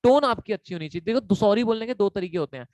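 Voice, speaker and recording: A man's voice: high-pitched, animated, fast talker, darkish tone, dry recording. A man teaching an online exam-prep class as a quiz, playful and teasing, repeating each point and mixing in English. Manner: mixes Hindi and English. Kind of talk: live online lecture quiz.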